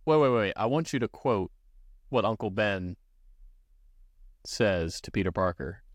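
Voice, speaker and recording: Man, lowish voice, dry recording, casual podcast banter, relaxed, quick to laugh. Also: no echo. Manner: laughs easily, debates back in a relaxed way. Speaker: podcast co-host. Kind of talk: casual chat.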